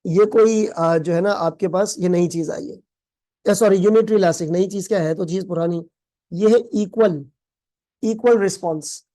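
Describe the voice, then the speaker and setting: A man's voice: high-pitched, moderate pace, dark tone. A man tutoring students in a recorded exam-prep lecture. He calls them "beta", quizzes them with call-and-response questions, and explains with playful everyday examples full of English terms. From Pakistan. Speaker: accounting tutor.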